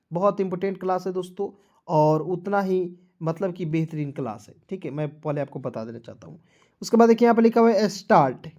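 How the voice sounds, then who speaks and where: Man, teacher, online lesson, spells words out slowly, keeps asking "clear?". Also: high voice, a little mellow. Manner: breaks words apart letter by letter, keeps checking with "clear?"; addresses viewers as friends, asks for likes. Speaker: English teacher.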